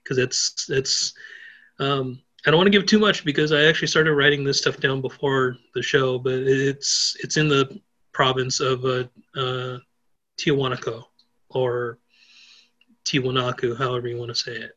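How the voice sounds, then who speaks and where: A man's voice: mid-range voice, fairly even intonation, normal speed, pushed and bright, highs cut off. A man co-hosting a podcast in casual chat, often hesitating and searching for words. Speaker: podcast co-host.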